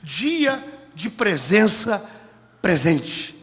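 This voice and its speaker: A male preacher with a very high, sharp, ringing voice delivers an emphatic sermon and hammers home key phrases. His words carry a long reverb from a large meeting hall, picked up through a stage microphone. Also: very animated, extremely slow.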